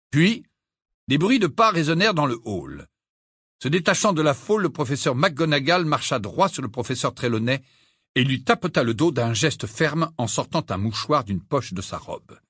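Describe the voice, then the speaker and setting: An audiobook narrator with a husky, mid-range male voice reads a scripted passage at a moderate pace, telling the story expressively. The recording is dry, with clean studio sound.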